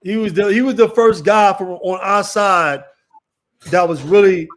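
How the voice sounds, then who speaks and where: High-voiced man calling from off-mic. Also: a little slow. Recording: off-mic voice from a distance.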